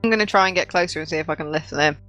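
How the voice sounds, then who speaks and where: A woman's voice: low voice, racing, a bit bright, dull audio. A woman chatting casually as a player in a tabletop game. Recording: music playing behind the voice.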